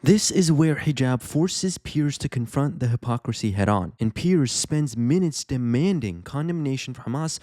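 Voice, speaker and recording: A man's voice: mid-range voice, animated, moderate pace, few pauses, dark tone, no echo, studio quality. A man giving opinionated voice-over commentary to viewers, emphatic and addressing them directly. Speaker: reaction commentator.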